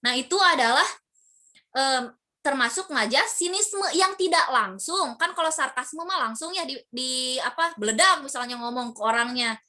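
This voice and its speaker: A woman's voice: high voice, expressive, normal speed, pushed and bright. A woman teacher explaining a lesson to her class with many fillers and acted-out examples. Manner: acts out example quotes for students.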